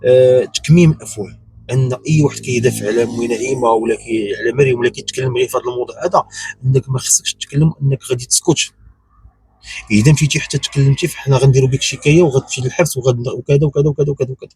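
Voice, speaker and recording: A man's voice: mid-range voice, fairly even intonation, racing, darkish tone, breathy edge, low-quality recording. A man with a Moroccan accent giving unscripted opinion commentary, insistent and repetitive, firing off rhetorical questions. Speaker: YouTube commentator.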